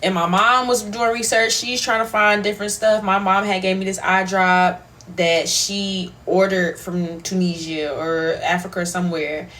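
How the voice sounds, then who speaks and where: A woman vlogger telling a personal story in a casual, slangy, profane and animated way. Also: medium pitch, normal speed, few pauses.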